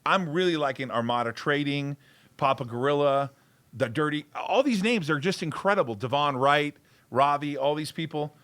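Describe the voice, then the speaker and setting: A man hosts a casual livestream, chatting in an excitable, rambling way. His voice is bright and forceful and sits a little high for a man. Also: normal speed. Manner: excitable, rambling, repeats words. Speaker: show host.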